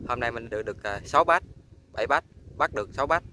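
A young man vlogging his fishing day on a lakeshore, talking to viewers with excitement. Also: medium pitch, quick pace, background noise. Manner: excited, addresses viewers often. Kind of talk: casual outdoor fishing vlog. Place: outdoors on a lakeshore.

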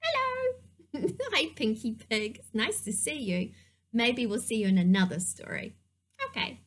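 A woman's voice: fairly high pitch, lively intonation, normal speed. A woman teaching preschoolers, talking to the children in a playful, sing-song way during a puppet-show lesson.

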